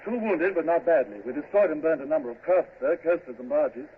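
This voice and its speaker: An actor playing an earnest British naval officer giving clipped, dutiful reports in an old-time radio drama. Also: male voice, fairly high pitch, expressive, fairly quick, close to an everyday voice. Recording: tinny, noisy old radio recording.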